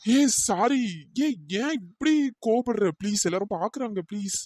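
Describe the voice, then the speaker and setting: Performer doing a pushy young male college admirer, mid-pitched, pleading, dry close mic. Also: animated, moderate pace, darkish tone, no room sound, natural voice. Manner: pleading, apologetic, pestering. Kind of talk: cartoon voice acting.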